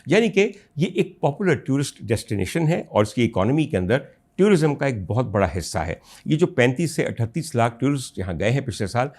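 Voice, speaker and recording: On his political commentary show, a Pakistani Urdu-accented host with a voice in the middle range delivers a rhetorical monologue to his audience, whom he addresses as ladies and gentlemen. The speech mounts until it breaks into loud, outraged outbursts.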